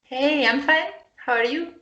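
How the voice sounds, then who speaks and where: A woman of thirty from Lithuania, a guest chatting casually over a call and often pausing to search for English words. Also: high-pitched, fairly bright tone, highs cut off. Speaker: guest, upcycling designer and potter. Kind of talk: casual chat. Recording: roomy echoey sound.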